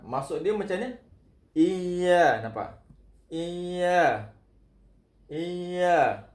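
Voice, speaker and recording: A man teaching Quran recitation, repeating each sound slowly and chanting verses in a drawn-out way. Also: high voice, lively intonation. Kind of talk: recitation lesson. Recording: echoey room.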